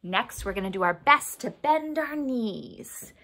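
A woman music therapist leading a remote session, singing a simple action song and gently coaching movements between verses. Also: on the high side, animated, measured pace. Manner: cheerful sing-along leader, gentle coaxing instructions. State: out of breath.

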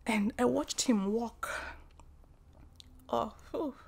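A woman telling a personal story, halting, with many restarts and fillers, and at times dropping to a soft whisper. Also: a little high, vocal fry, husky. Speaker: vlogger.

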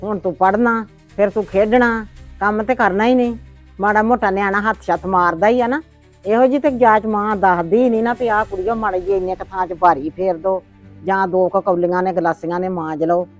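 A woman's voice: medium pitch, fairly even intonation, a little fast, soft background music, natural voice. A woman playing a stern, nagging grandmother in a homemade family drama, lecturing and complaining. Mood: scolding. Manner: complaining, lecturing, sharp-tongued.

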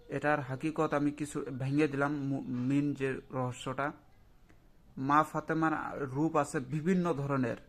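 A man, a spiritual healer who speaks directly to listeners and recites a long mantra slowly and carefully. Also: a little high, fairly bright tone. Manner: slow measured chanting of verses; talks directly to viewers, earnest. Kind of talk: religious talk and mantra recitation.

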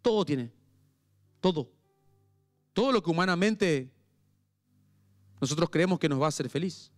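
Man, Paraguayan Spanish accent, pastor, fervent sermon, church service, high voice. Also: animated, moderate pace, soft background music. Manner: impassioned preaching, swinging between soft and raised.

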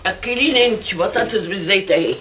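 An actress playing a childlike, whiny older aunt who begs and cries for food and outings, in an Egyptian Arabic accent. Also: female voice, medium pitch, fast, a bit bright, slight background noise, natural voice. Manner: whiny, childish pleading and crying. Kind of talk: TV comedy drama acting.

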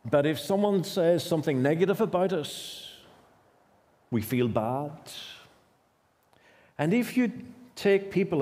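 This fifties-aged preacher from Northern Ireland has a fairly high, warm voice. At a church-hall lectern his sermon is emphatic and repetitive, punctuated by abrupt bursts of speed, picked up by stand mics at the lectern and a far camera.

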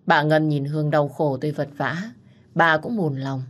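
A woman narrating a romance story in a measured, dramatic reading. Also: low voice, steady tone.

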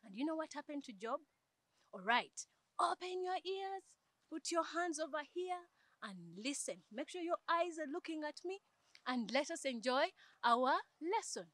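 A young woman teaches a Sunday school lesson to children outdoors. Her voice is high and she tells the story in a lively, expressive way. The recording is close and dry. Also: moderate pace, dry recording. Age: young adult. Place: outdoors in a garden.

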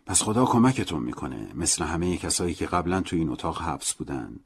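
A man voicing a gentle prison priest. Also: low voice, lively intonation, breathy edge, heavily acted. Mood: pleading.

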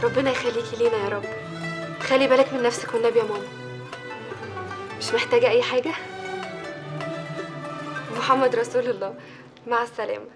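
An actress playing a cheerful young newlywed daughter, speaking in Egyptian Arabic in an affectionate, bubbly way. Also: female voice, a little high, steady tone, fast, pauses often, natural voice. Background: music.

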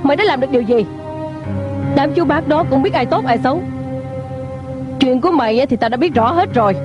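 A woman dubbing a stern older matriarch of a wealthy clan in a TV drama, commanding and scolding. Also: high-pitched. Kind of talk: dubbed TV drama. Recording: dull lo-fi dub with loud music.

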